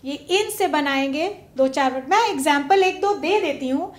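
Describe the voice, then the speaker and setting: A woman teacher giving a classroom lesson, drawing out words slowly and putting questions to her pupils. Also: sits high, roomy sound. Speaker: English teacher. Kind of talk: classroom lesson on prefixes and suffixes. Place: broadcast studio classroom.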